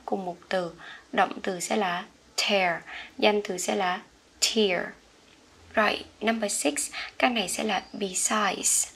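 A woman with a Vietnamese accent teaching English pronunciation, repeating each word slowly for learners. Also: mid-range voice, creaky, a bit bright, breathy edge. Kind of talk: slow pronunciation lesson.

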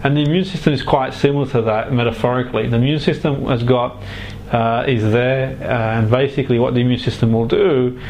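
A man speaking as a hypnotherapist to a client, guiding and explaining in halting, deliberate phrases with pauses. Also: medium pitch, fairly even intonation, a little mellow, slight background noise. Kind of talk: guided relaxation and explanation to a client.

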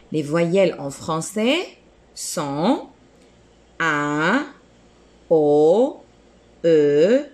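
A woman teaching a children's language lesson, speaking slowly and deliberately and praising the pupils often. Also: low-pitched, a little mellow. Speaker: kindergarten teacher.

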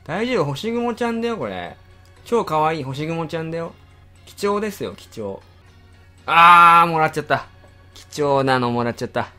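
A man hosting a game channel, giving live commentary with excitable exclaiming reactions and rapid grumbling. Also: a little high, soft background music.

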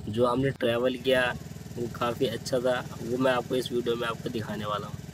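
A man's voice: medium pitch, level tone, brisk. Chatty man narrating over road noise. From India. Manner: chatty, keeps addressing friends, repetitive. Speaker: moto vlogger. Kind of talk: travel vlog narration. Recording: noisy road ambience behind voice. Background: traffic and vehicle noise.

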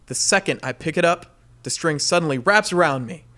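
A man co-hosting a casual comedy podcast, reading out a listener's dream as an animated storyteller who laughs often. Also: a little high, brisk.

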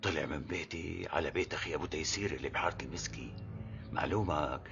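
A man's voice: very deep voice, fast, creaky, a bit bright, dull audio, exaggerated voice. An actor in his sixties playing a discreet, courteous elderly neighbour in a Syrian period drama, confiding respectfully with a Damascene accent. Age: 60s.

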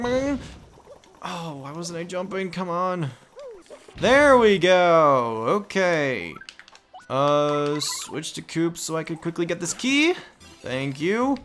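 With game music in the background, a young adult man hosts a let's play in a slightly high, fairly bright voice. His commentary is casual and wanders as he plays.

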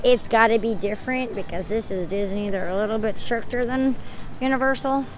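A young woman with a slightly high voice, chatting casually to her live-stream viewers. She is worn out and losing her voice, and she rambles from one topic to the next as she thanks people by name. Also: fairly quick, noisy background.

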